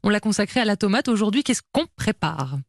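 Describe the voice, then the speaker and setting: A woman radio host chatting with her columnist, encouraging her and laughing along with quick reactions. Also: medium pitch, very animated. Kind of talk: radio chat. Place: radio studio. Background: loud background music.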